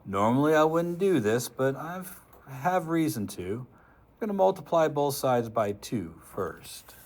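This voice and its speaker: A man's voice: mid-range voice, sing-song, unhurried, darkish tone. A man teaching a physics class, joking with students while talking step by step through a worked example. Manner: joking, chatty, talks through arithmetic step by step. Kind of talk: classroom lecture, working an example.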